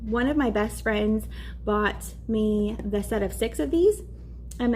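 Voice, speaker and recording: A woman's voice: on the high side, warm tone, a little hiss or hum. A young woman teacher in her twenties chatting casually while setting up her classroom, upbeat and full of fillers. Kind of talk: casual vlog narration.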